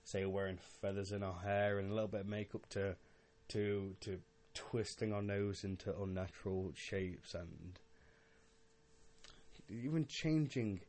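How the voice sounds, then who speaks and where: Slightly drunk, low-voiced young man rambling. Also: a little mellow. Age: young adult. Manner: halting, rambling, with repeated words and swearing. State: a little drunk. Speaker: podcast host. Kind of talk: casual rambling monologue.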